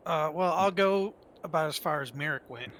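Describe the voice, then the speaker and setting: A man's voice: fairly high pitch, moderate pace, a bit bright. A man chatting casually as a player in a tabletop game, over noticeable background noise.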